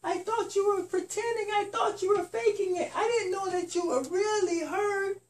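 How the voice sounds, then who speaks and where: Storybook superhero, played by a man, high, exclamatory and full of concern, off-mic. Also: moderate pace, roomy sound, recorded from a distance. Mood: shocked, apologetic. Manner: exclamatory, apologetic. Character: Spider-Man, earnest, concerned male superhero rescuer.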